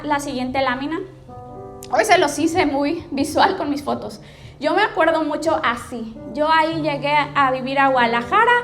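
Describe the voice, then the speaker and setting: A woman's voice: sits high, a bit bright. A Mexican woman pastor telling her life story as a testimony, storytelling and often checking in with the audience. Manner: storytelling, addresses the audience directly with frequent "¿ok?". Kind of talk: personal testimony sermon.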